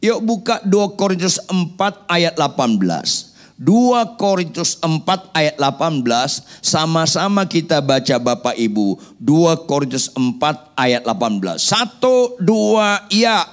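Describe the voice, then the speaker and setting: A man's voice: on the high side, very animated, measured pace. A man preaching a sermon, firing rhetorical questions at the congregation with playful joking asides. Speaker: pastor.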